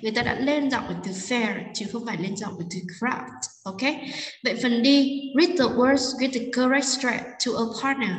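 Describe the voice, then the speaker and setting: Woman English teacher, slow careful reading of examples, distant mic with long reverb. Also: fairly high pitch. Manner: explains in Vietnamese, reads English slowly. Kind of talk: classroom lesson narration. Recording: echoey roomy, distant from mic.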